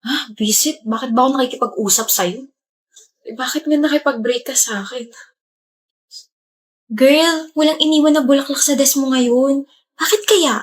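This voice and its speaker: A woman with a somewhat high voice delivering sarcastic, needling lines in a short drama. She has a sharp tongue and quick comebacks. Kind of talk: Filipino short drama dialogue.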